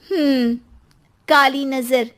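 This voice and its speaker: A woman's voice: high-pitched, fairly even intonation, drawn-out words. A woman voicing a cheerful, trusting young wife in a cartoon story. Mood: eager.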